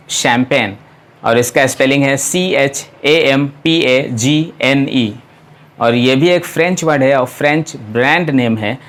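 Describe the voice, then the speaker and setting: A man teaching English pronunciation, spelling out words letter by letter and repeating them slowly. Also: mid-range voice, a bit bright. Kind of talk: pronunciation lesson.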